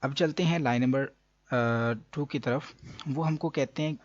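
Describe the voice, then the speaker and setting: A man with a Pakistani Urdu accent teaching Quran reading, explaining patiently and drawing letters out slowly, with many hesitations. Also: fairly high pitch, steady tone, darkish tone, no room sound, muffled recording. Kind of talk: explanatory lesson.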